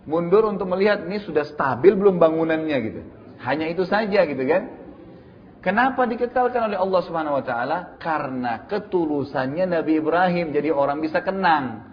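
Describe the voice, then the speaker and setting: A man's voice: a little high, animated, fairly quick, dull audio, a little hiss or hum. A middle-aged man gives a religious lecture in a conversational style, often adding tag questions and speaking straight to his listeners. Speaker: Islamic preacher.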